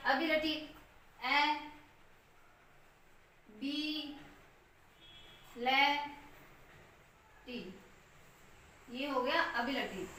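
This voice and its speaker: A high-pitched woman with a bright, forceful voice teaches English phonetics, patiently spelling out words letter by letter. She sounds set back from the mic in a very echoey room with a faint hum of ambience. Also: recorded from a distance. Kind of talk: Hindi lesson on English phonetic transcription.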